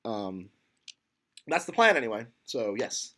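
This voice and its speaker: Slow, casual male instructor lecturing. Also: medium pitch, big pitch swings, fairly bright tone. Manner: casual, many fillers and restarts, thinking aloud. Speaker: computer science instructor.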